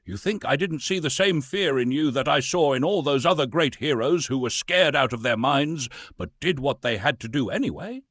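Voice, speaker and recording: A man's voice: mid-range voice, lively intonation, normal speed, few pauses, a bit bright, no room sound, studio quality, voice pushed up. A man playing a roaring old wizard. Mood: scolding. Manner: roaring, raised scolding voice. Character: furious old male wizard, bullying and stern.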